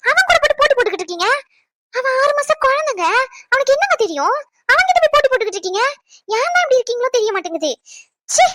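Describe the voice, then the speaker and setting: A woman's voice: very animated, quick pace, pushed and bright, no room sound, clean studio sound, full character voice. A woman voicing a young wife in a cartoon comedy, scolding her husband shrilly and cooing over her baby. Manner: indignant, shrill scolding; coos baby talk.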